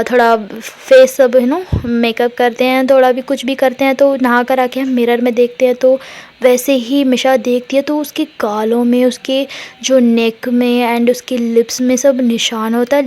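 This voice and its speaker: A woman's voice: on the high side, mellow. A young woman telling a romance story in a casual, chatty way, with rambling asides and English words mixed in.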